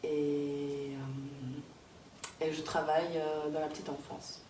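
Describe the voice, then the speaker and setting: A woman's voice: sits low, little pitch movement, takes it slowly, mellow. A woman in her thirties, born in Kazakhstan, answering interview questions in a casual, hesitant way with many fillers and restarts. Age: 30s. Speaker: interviewee, early childhood worker. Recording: echoey room, distant mic, background noise.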